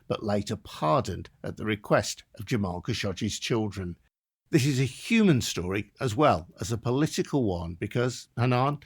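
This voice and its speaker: Measured male podcast host. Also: mid-range voice. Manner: measured, clear, journalistic. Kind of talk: interview hosting.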